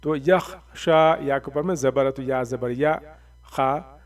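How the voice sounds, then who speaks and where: A male teacher leads a recitation lesson at a patient, unhurried pace. He stretches each syllable out slowly, then explains the rules more quickly. His voice sits a little back from the microphone. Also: medium pitch, recorded from a distance. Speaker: Quran reading teacher. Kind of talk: recitation lesson, spelling out letters.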